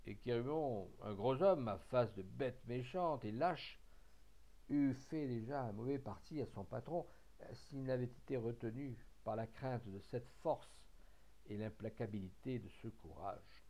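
A man reading a classic short story aloud in a measured, expressive way. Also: medium pitch. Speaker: audiobook reader. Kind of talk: literary narration.

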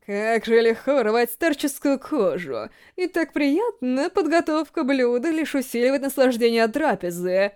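A woman voicing a refined, sinister male ghoul gourmet in a storybook reading, slow and theatrical. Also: sits high, big pitch swings, a little mellow, smooth. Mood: savoring. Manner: slow, savoring, theatrical delivery.

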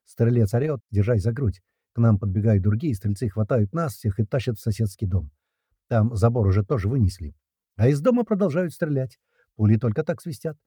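Husky man narrating an action audiobook. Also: mid-range voice, animated, fairly quick, dark tone, no room sound, clean studio sound. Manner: tense action narration, dialogue read aloud. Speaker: audiobook reader. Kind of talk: first-person audiobook narration.

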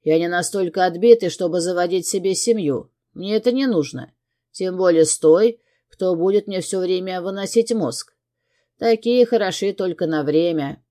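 A woman's voice: fairly low pitch, moderate pace, warm tone, lightly acted. A woman reading an audiobook and voicing an arrogant, dismissive male criminal partner who talks curtly. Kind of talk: audiobook character voice.

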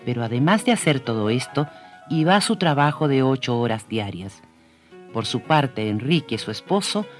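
Expressive man telling a kids story. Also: medium pitch. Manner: expressive, addresses young listeners directly. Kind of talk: scripted storytelling for children.

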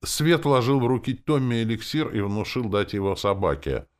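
A man narrating a first-person audiobook in a wry, expressive way. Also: on the low side, moderate pace, smooth. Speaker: audiobook reader.

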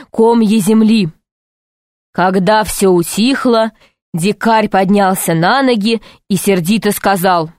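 A woman reading a children's adventure book aloud in measured, clear narration. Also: mid-range voice, darkish tone, no echo, clean studio sound. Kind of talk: scripted audiobook narration.

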